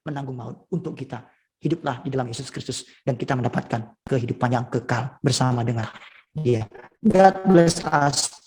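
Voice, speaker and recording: A male pastor preaching a sermon at a school, telling stories with lively swings in pitch and volume. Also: slightly rough. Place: school event.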